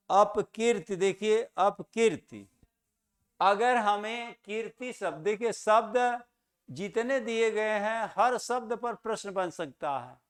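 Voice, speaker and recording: A man gives a Hindi grammar lesson aimed at exam students, posing questions and answering them himself. He says key words slowly and repeatedly to stress how they should be pronounced, and his voice sits high.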